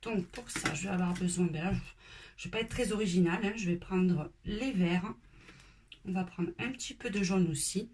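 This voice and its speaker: A woman hosting a step-by-step coloring tutorial, talking in a casual, relaxed way with fillers and dropping at times to a whisper. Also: on the low side, moderate pace, a little hiss or hum.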